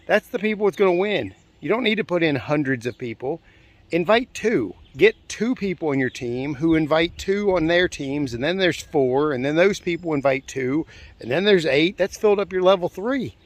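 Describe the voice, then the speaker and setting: A man's voice: fairly high pitch, animated, normal speed. A man leading a network marketing team call, talking in a casual, emphatic and repetitive way. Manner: casual, chatty. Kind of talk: motivational call talk.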